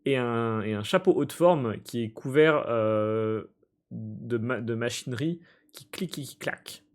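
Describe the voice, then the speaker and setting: Male streamer, mid-range voice, translating a game on the fly: halting, hesitant, quick to laugh. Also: mid-range voice. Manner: halting and hesitant, stumbling over words while translating; amused, often breaking into laughter. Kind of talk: live let's-play, translating on-screen game text aloud.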